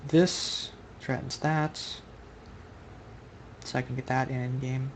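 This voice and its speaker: A man's voice: mid-range voice, level tone, slow pace, creaky, slight background noise. A man commentating on his own online Go game in a loose, rambling way, thinking aloud and correcting himself mid-sentence, recorded at home at a computer. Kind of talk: casual live game commentary.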